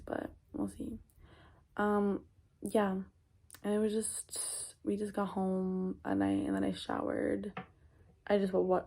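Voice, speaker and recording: A woman's voice: mid-range voice, a little mellow. A young woman chatting casually in a vlog, rambling, with lots of fillers and restarts. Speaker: vlogger.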